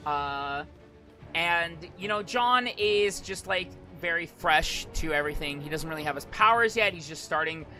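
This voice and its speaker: A man's voice: a little high, sharp tone. A man streaming casual live commentary, rambling and hesitant, often repeating and restarting his phrases. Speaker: streamer, virtual YouTuber.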